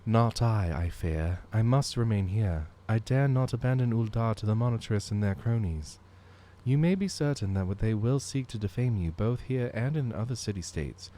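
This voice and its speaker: Brief: a man voicing a loyal, commanding old marshal, formal and animated. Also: on the low side, slight background noise, voice pushed up, lightly acted.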